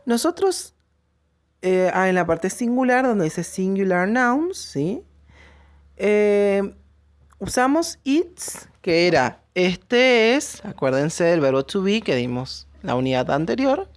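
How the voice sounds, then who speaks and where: A woman's voice: mid-range voice, very animated, slow, no room sound. A woman teacher, explaining English grammar to her pupils and checking after each point that they follow. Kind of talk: recorded classroom lesson.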